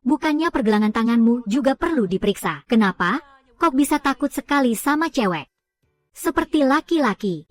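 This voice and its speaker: A woman reading out a film's dialogue for a recap, giving every character's lines in one steady voice. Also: fairly high pitch, no echo. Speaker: film recap narrator.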